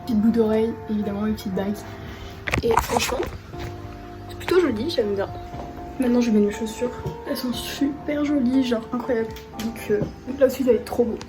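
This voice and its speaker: With music playing in the background, a teenage girl chats away in her vlog, speaking fairly quickly in a higher voice. She's bubbly and full of fillers like "euh" and "bah," though her nose is stuffy and her voice is going.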